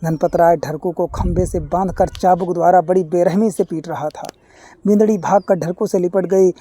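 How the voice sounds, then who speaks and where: A storyteller reading a story aloud in a measured, formal way, with reflective asides. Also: medium pitch, steady tone, dark tone, no room sound. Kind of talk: scripted story narration.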